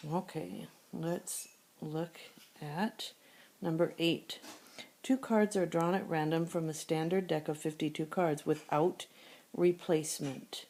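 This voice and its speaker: Low mellow-voiced woman teaching math. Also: takes it slowly. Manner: steady step-by-step explaining, thinking aloud. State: sore throat. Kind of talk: screencast math lesson. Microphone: tablet screencast recording.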